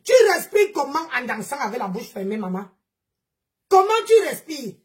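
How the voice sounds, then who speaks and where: High-voiced scolding woman streamer. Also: sing-song, moderate pace, husky. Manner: mocking, scolding, exclaiming. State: nursing a strained voice. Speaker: live streamer. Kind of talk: live-stream gossip rant.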